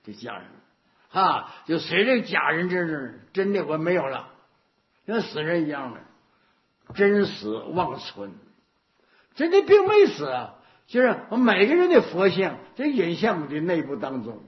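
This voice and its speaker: A man's voice: on the high side, huge pitch swings, normal speed. A male Buddhist teacher giving a dharma talk. He tells stories, repeats himself and asks rhetorical questions. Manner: anecdotal, repetitive, rhetorical questions. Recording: dull lo-fi recording.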